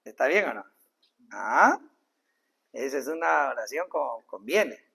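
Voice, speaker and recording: Male pastor, sermon delivery, gravelly and earnest with big swings in volume. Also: mid-range voice, big pitch swings, a little slow. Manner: earnest, with sudden loud rises and soft drops; acts out little dialogues in changed voices.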